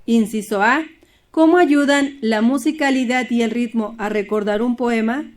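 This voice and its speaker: A woman's voice: on the high side, moderate pace. A woman teaching a primary school Spanish lesson, explaining steadily and reading poems and word examples aloud.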